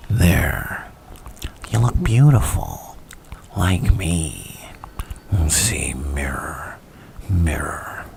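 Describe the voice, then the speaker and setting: A man playing a menacing, unhinged criminal clown villain in an ASMR roleplay, whispering with a breathy, creaky rasp in a theatrical, coaxing, taunting manner. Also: a bass voice, background noise, heavily acted. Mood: gleeful, sinister. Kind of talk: ASMR roleplay, dramatic monologue.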